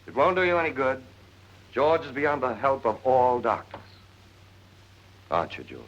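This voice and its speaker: A man's voice: mid-range voice, very animated, moderate pace, fairly bright tone. A man acting an exasperated, wry character with sardonic screwball banter in a 1940s comedy film. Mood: wry, insistent. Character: exasperated, wry man convinced his brother returned as a dog. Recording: muffled vintage film soundtrack.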